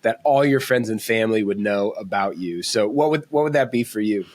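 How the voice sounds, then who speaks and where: A man hosting a podcast interview, relaxed and friendly, often restarting his sentences. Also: fairly low pitch, brisk. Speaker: podcast host.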